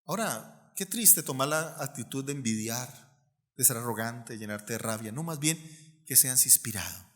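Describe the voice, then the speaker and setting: A Colombian man preaching a sermon as pastor, animated and acting out the people in his stories. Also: mid-range voice, normal speed, long reverb tail. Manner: animated, acts out quoted voices.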